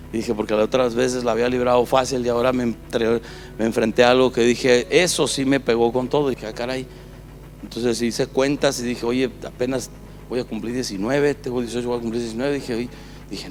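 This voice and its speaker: A man's voice: mid-range voice, fairly even intonation, normal speed, slight background noise. A man with a Mexican accent, a pastor telling his life story as a preached testimony, acting out the dialogue.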